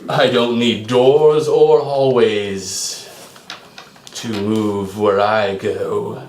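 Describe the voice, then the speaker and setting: Man voicing a slow, booming diabolical villain in an echoey room. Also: steady tone, darkish tone. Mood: menacing. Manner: slow, ominous, booming delivery. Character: diabolical booming villain who travels by magic shadows. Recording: roomy tabletop recording with faint noise.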